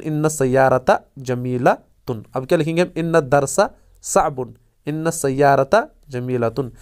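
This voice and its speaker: Clear-voiced man teaching a textbook lesson. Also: on the high side. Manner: reads Arabic sentences slowly, then explains each. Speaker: Arabic teacher. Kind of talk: textbook lesson, reading and explaining.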